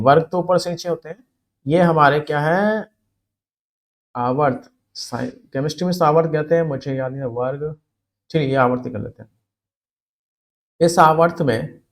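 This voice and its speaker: A man teaching a spelling and grammar lesson for exam students, explaining step by step and repeating words for emphasis. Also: a little high.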